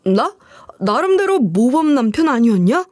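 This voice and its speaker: A woman's voice: high-pitched, sing-song, normal speed, a little mellow, no echo, studio quality. A woman voicing a greedy, scornful middle-aged ex-husband who wheedles and sneers in coarse speech. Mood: wheedling.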